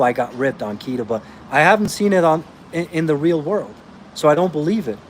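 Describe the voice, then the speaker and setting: A man's voice: mid-range voice, a little hiss or hum. A man from Austria, a fitness coach answering viewer comments in a blunt, emphatic way, calling listeners bro.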